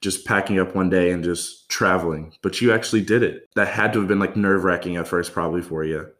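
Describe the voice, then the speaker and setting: This podcast host talks casually and in a friendly way, packing his speech with fillers and saying "like" constantly. His voice sits low, fairly quick and a bit bright.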